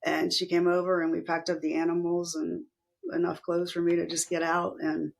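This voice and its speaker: A middle-aged woman speaks candidly as an interview guest, her voice carrying a gravelly fry. She retells events vividly, lifting her pitch sharply to act out what others said. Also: normal speed. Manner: animated retelling, acting out quoted voices with pitch jumps. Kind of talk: candid personal storytelling.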